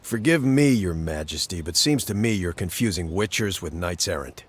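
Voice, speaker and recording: With background music under the lines, a man plays a blunt, world-weary mercenary who hunts monsters in a fantasy game. His low, husky voice is expressive and moderately paced, and his speech is terse, sardonic and matter-of-fact, with clipped colloquial wording.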